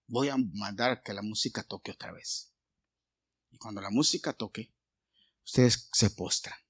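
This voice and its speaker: A middle-aged man with a Mexican Spanish accent preaching a sermon, retelling a Bible story, going from hushed asides to loud bursts. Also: on the low side, breathy edge. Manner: storytelling with many pauses, swings from hushed to loud.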